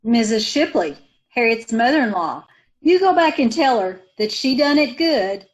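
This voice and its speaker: A radio actor plays a resentful, poverty-worn woman protecting her sister in an old-time radio play, using a folksy drawl full of broken grammar and a voice slightly high for a woman. Very animated yet at a moderate pace, she stays defiant and spits out her grudges, on a rough recording.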